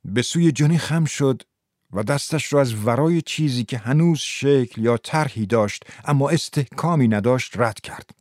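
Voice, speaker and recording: A man narrating a literary story in a measured reading voice. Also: medium pitch, darkish tone, dry recording, clean studio sound.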